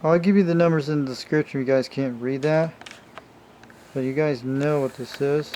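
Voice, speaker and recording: A radio hobbyist shows off a vintage CB radio in a noisy amateur home video, giving a casual, rambling hands-on show-and-tell. His voice is fairly high, steady and darkish at a normal speed, and he speaks informally, calling his viewers "you guys."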